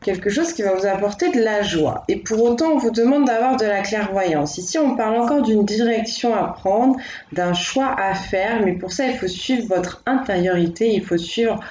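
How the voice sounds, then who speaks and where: A woman doing a casual, spoken tarot reading as host, thinking aloud in a gentle, reassuring way. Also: medium pitch, echoey room, lo-fi sound, a little hiss or hum. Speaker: tarot card reader.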